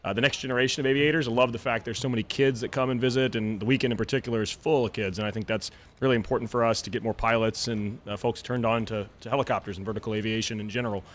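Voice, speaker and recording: A man's voice: mid-range voice, fairly even intonation, rapid-fire, fairly bright tone, slight background noise. A man being interviewed on live radio as a company president, earnest and repeating words as he thinks.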